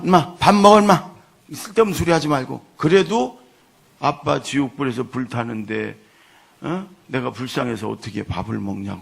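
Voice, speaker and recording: A man preaching a Sunday sermon as pastor, telling stories and swinging from soft asides to loud acted-out lines. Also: a little high, creaky, husky.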